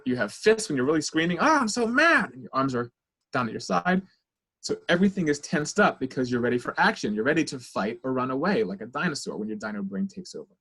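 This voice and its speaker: A man's voice: medium pitch, breathy edge. A middle-aged man, a child therapist, leading a parenting webinar over a video call and talking the audience through breathing exercises. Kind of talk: guided breathing instruction and lecture.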